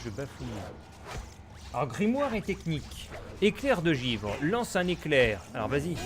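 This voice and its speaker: A man giving casual let's-play commentary, muttering to himself and grumbling in puzzlement as he plays. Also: a little high. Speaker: gamer streamer.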